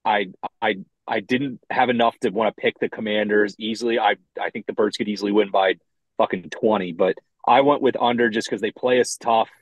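Low-voiced man rambling over a phone line. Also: fairly even intonation, fairly quick, no room sound. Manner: rambling, loose and profane. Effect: talking over a phone line. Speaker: co-host of a sports betting podcast. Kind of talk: casual chat. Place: inside a parked rental car.

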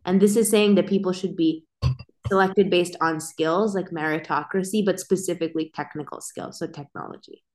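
A woman's voice: fairly low pitch, steady tone, normal speed, a little mellow. A woman co-hosting a podcast, chatting casually in an opinionated, slangy, informal way. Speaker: podcast co-host.

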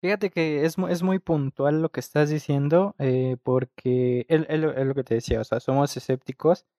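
A man's voice: fairly high pitch, steady tone, normal speed, dark tone, no room sound, clean studio sound. Reflective Mexican man musing. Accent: Mexican Spanish. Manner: reflective, explains with many fillers. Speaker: podcast co-host. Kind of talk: casual chat.

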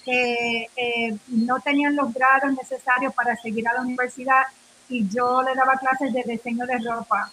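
This radio guest, a Nuyorican woman from New York whose family is Puerto Rican, has a high-pitched, sharp voice and delivers her words flatly at a moderate pace. Her story comes out in casual, rambling Spanish laced with English words, fillers and restarts. The recording is low quality, with some background noise.

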